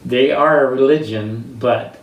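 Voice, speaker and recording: Reflective and slow, an elderly American interviewee halts and pauses for words as he reminisces about his life. His pitch is medium and the audio sounds dull. The mic sits far from him in an echoey room, with faint noise in the background.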